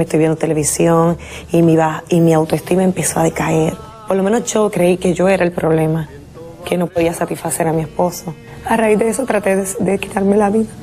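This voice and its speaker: A woman giving an earnest personal testimony, quietly recounting hurt from her marriage. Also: on the low side.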